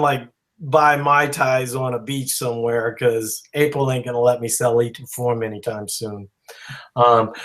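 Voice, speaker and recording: A man's voice: mid-range voice, rough recording. Rambling man announcing news casually. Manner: rambling, full of "you know" and restarts. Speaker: company founder. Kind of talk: casual spoken announcement to followers.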